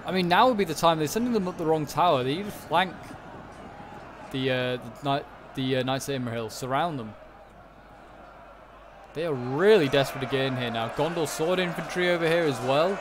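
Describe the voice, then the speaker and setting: A gaming commentator with a fairly high-pitched voice talks fairly quickly, though with long pauses, as he casually thinks through a strategy game battle he's watching. Video game battle ambience makes for noticeable background noise.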